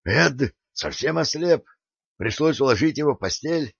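A man voicing an excitable, nervous young gang member who whines and frets. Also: deep voice, a little slow, dry recording, dull audio, full character voice. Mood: agitated. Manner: jittery, whining.

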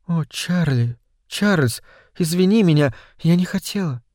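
A man voicing a remorseful grown woman who softly begs forgiveness. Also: on the high side, lively intonation, a little slow, no room sound, studio quality, voice pushed up. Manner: soft pleading apology.

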